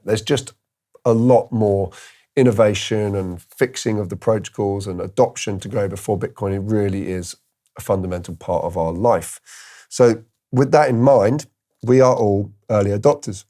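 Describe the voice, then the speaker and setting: A man's voice: lowish voice, moderate pace, mellow. A man hosting a crypto video, giving casual commentary and thinking aloud with fillers and restarts. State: tired, yawning.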